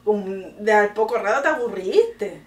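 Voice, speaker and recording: A middle-aged woman with a Chilean accent, telling a story to her daughter in casual chat, animated and laughing often. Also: medium pitch, unhurried, recorded from a distance. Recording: echoey room, voice from off the mic.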